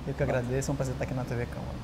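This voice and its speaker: A medium-pitched, rapid-fire Brazilian man in his thirties, a writer and journalist, gives a casual guest interview full of lively storytelling and restarted sentences. Recorded on a lapel mic in a large empty auditorium, his words trail long hall reverb over faint hiss.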